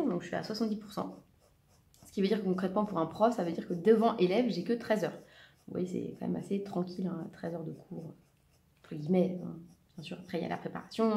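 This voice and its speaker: A woman in her thirties talks through her coloring session in a loose, rambling way, filling pauses and correcting herself as she goes. Her voice sits a little low and sounds mellow and soft. The recording has a noticeable room echo. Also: gravelly. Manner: chatty, rambling, frequent fillers and self-corrections. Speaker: coloring vlogger and part-time teacher. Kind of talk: casual chat while coloring. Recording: echoey room.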